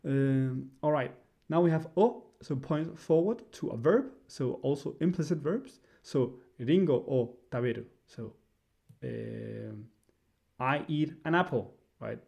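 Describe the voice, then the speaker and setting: A man giving a casual spoken lesson, hesitant and filling pauses with "uh" and "right?". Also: medium pitch, gravelly, dark tone. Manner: hesitant, many fillers, frequent "right?". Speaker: language teacher.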